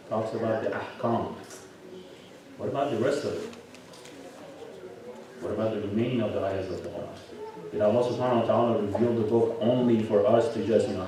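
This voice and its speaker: A man whose voice sits on the low side preaches to a congregation in a large, echoing religious hall, treating the sermon as an interactive lecture. His manner is conversational and questioning, full of rhetorical questions and "right?" tags. The recording is distant and very echoey, and the congregation is audible.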